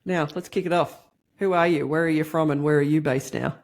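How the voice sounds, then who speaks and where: A woman hosting a podcast interview, casual and bubbly with quick reactions. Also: low-pitched, steady tone, a little mellow. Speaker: podcast host.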